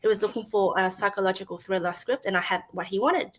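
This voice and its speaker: A screenwriter in her thirties, speaking fast with a medium-pitched voice, chats casually as a guest on a video call interview. She laughs often and acts out what people said.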